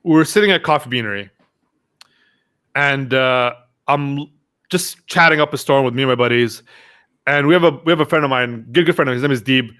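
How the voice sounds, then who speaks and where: With a clean, medium-pitched voice, this young podcast guest talks briskly but pauses often. He tells casual stories animatedly, acting out his friends' quoted lines in a storytelling interview.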